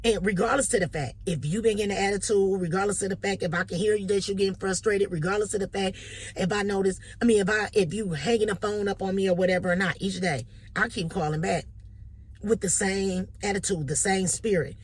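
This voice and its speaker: Animated woman telling a story from Detroit. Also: medium pitch, a little fast, breathy edge. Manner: animated, repeats "you know what I'm saying". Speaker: vlogger. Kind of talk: casual storytelling.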